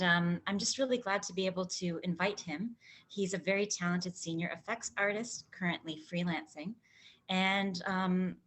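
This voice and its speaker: Female webinar host: lowish voice, hesitant and full of "um"s, slight background hiss. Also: fairly bright tone. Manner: hesitant, with frequent "um"s. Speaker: interview host. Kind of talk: hosting a webinar interview.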